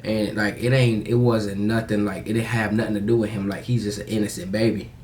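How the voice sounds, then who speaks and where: Low-voiced young American man, candidly confiding. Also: little pitch movement, darkish tone, a little hiss or hum. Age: young adult. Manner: candid, slangy, halting, profane. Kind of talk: casual confessional vlog storytelling.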